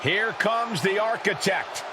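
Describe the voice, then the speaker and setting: A man's voice: sits high, lively intonation, slow. A man working as a wrestling commentator, calling play-by-play. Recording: loud arena crowd noise throughout. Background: roaring arena crowd.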